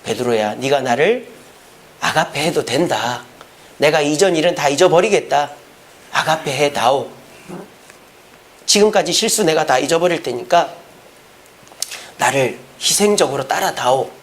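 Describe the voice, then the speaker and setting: A man in a sermon voicing a grown master who gently and patiently entreats his follower. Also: fairly high pitch, a little slow, long pauses, a little hiss or hum, lightly acted. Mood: gentle.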